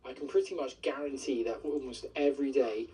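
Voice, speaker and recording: A man's voice: medium pitch, fairly even intonation, brisk, dark tone, breathy edge, far from the mic. A bus driver, a man, talking earnestly in a news interview, his voice electronically altered to hide who he is. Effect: voice electronically altered to hide identity.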